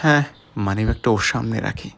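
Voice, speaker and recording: A man's voice: lowish voice, fast talker, fairly bright tone. A man playing a suspicious young husband. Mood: suspicious musing. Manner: musing to himself, then confronting. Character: suspicious young husband missing his money. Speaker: husband in comedy skit. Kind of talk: comic skit acting.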